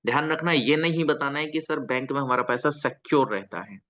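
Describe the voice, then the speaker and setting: A man's voice: mid-range voice, fairly quick, a bit bright. A male teacher giving a classroom lecture, often asking the students questions and repeating himself to coax answers. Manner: asks students questions, coaxing and repetitive. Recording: slightly dull lo-fi sound.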